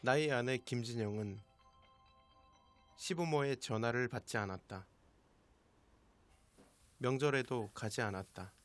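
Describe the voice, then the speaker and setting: A man calmly narrating a documentary from a script. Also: mid-range voice, a little slow, pauses often, soft background music.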